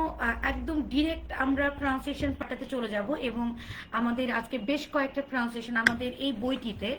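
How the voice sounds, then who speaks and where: A woman's voice: sits high, a little hiss or hum, rough recording. A woman trainer leading a live online pronunciation lesson, drilling English words aloud and repeating them for learners to copy. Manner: greets viewers by name during a live stream.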